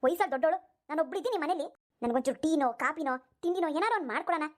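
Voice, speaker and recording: A woman's voice: high voice, rapid-fire, close to an everyday voice. A woman voicing a bossy old mother-in-law who nags and complains in a cartoon. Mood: grumbling. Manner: nagging, complaining loudly. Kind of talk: cartoon voice acting.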